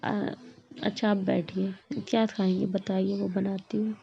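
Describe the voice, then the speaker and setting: A woman voicing a gentle young woman who coaxes softly in a story reading. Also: mid-range voice, level tone, unhurried, vocal fry, muffled recording, slight background noise. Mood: coaxing. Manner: soft coaxing.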